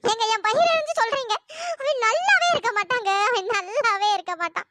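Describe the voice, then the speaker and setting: A voice actor playing a middle-aged mother in a cartoon story who wails and curses, in a high pitch-shifted voice. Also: expressive, brisk, very noisy. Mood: lamenting. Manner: wailing, cursing.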